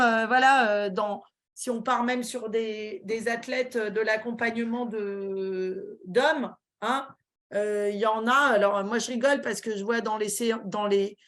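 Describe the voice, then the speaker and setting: A woman with a slightly high voice gives a webinar talk over a video call. She halts often, with many fillers and restarts. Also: fairly bright tone. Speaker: guest speaker.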